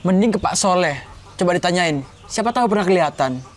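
A man's voice: high-pitched, lively intonation, fast. A man acting in a comedy sketch, talking casually and teasing. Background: background music.

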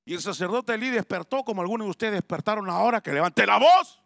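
A male pastor preaching a sermon at a family retreat, emphatic, swinging between loud cries and hushed asides. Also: high voice, expressive, fast talker, vocal fry, dry recording, clean studio sound. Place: church family retreat hall.

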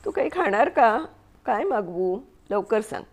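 A woman voicing a calm, patient husband who speaks softly and low. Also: a little slow. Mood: hurried. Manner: soft and hushed.

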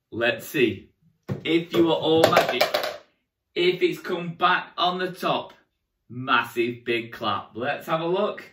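Animated kids' party magician, man, echoey room. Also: a little high, takes it slowly. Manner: animated kids' party magician, exaggerated and playful, addressing children. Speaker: children's magician. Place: indoor room with curtain backdrop. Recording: echoey room, distant microphone.

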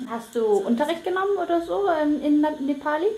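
A woman's voice: high voice, animated, fairly quick, mellow. A woman interviewer who asks short questions and often answers with a brief "mhm". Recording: echoey room with faint noise.

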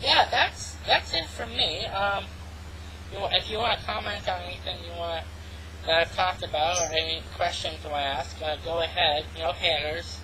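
A vlogger talking through an online voice changer that pitch-shifts the voice to sound female, rambling casually with many ums and restarts. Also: pushed and bright, slight background noise, rough recording. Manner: halting, full of ums and restarts. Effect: pitch-shifted voice changer, meant to sound female. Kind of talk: casual rambling vlog monologue. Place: home, hot climate.

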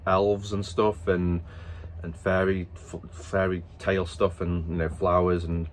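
A man's voice: low voice, level tone, a little slow, a little hiss or hum. A man casually telling a family story to camera, rambling and stop-start, breaking into laughter. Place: at work after dinner.

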